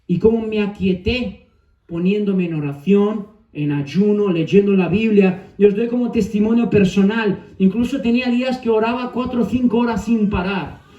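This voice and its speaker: A man in his thirties preaching a sermon with personal testimony, earnest, moving between soft asides and emphatic phrases. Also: high voice, normal speed. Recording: echoey room, distant mic, dull sound, faint music.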